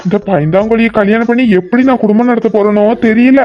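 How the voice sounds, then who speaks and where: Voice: mid-range voice, fast talker, warm tone, muffled recording, faint music behind, natural voice. A performer voicing a bold, joking young man in an audio drama, with a teasing, cocky manner. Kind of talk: amateur audio drama acting.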